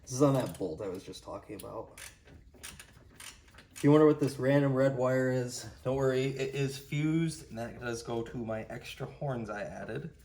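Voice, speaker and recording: Gravelly man talking through a car repair. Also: moderate pace, dark tone, slight background noise. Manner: low-key, plain explaining while working. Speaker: DIY car repair presenter. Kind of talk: casual how-to walkthrough. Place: working on a car engine bay.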